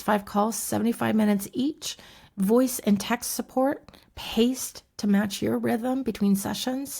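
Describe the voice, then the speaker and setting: With a medium-pitched voice and noticeable vocal fry, this fifty-something woman explains her somatic coaching program. She keeps it easygoing and casual, full of fillers and quiet asides.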